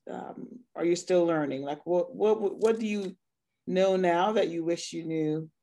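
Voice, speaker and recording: A woman's voice: fairly low pitch, a little mellow. Encouraging woman interviewer. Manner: encouraging, rambling questions with restarts. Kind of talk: interview questions.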